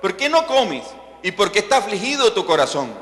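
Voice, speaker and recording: Pleading ancient husband played by a man, bright forceful tone, raised voice, echoey church hall. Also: high-pitched, very animated, fairly quick. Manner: pleading string of questions. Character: pleading biblical husband consoling his wife.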